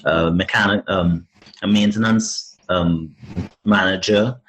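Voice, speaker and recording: A man's voice: low voice, steady tone, slow, a bit bright, low-quality recording. A young man from Trinidad and Tobago, a podcast guest chatting casually, with many fillers, restarts and easy laughs. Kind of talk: casual interview chat.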